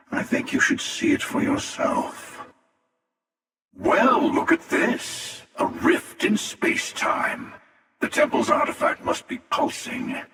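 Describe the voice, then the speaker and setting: Echo-drenched, gravelly hunter villain. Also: male voice, very high voice, bright, forceful tone, exaggerated voice. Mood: wry, knowing. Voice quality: gravelly, breathy rasp. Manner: slow, sardonic, world-weary drawl. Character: cynical, menacing older multiverse-hopping hunter villain. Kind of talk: video game voice acting. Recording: long echoing reverb, distant from mic.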